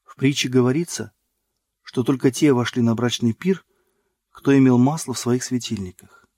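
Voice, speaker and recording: A man's voice: medium pitch, normal speed, dark tone, no room sound, studio quality. Man reading a religious text solemnly. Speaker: audiobook narrator. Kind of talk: scripted narration of a religious book.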